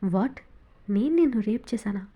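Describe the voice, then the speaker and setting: A woman voicing a teasing, quick-tempered young man in a romance audiobook, her reading lightly shaded. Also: medium pitch, expressive, mellow, natural voice. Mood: shocked. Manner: teasing, scolding.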